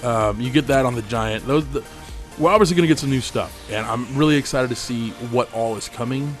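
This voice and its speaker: Over gameplay on his own gaming channel, a man with a mid-range voice talks casually and rambles at ease. He sounds tired, his voice is going, and he curses freely.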